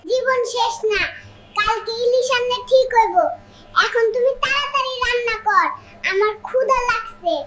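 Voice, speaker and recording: A high cartoon voice doing a whiny wife. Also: moderate pace. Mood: demanding. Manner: whiny, sulky, dramatic. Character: fussy wife who wants only hilsa fish. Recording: loud background noise.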